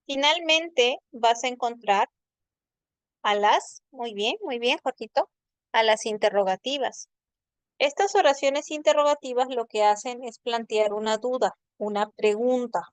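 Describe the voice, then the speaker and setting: Clear-voiced woman teaching a language class. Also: on the high side, unhurried, no room sound. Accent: Peruvian Spanish. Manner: patient, explanatory, checks in with students. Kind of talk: online class lecture.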